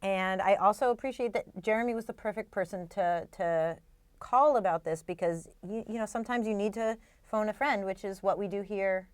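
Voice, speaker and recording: A woman's voice: mid-range voice, brisk, clean tone, dry recording. A woman co-hosting a chat podcast. She talks casually and chattily, filling her lines with fillers. Her voice sounds dry and close to the mic. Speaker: podcast co-host.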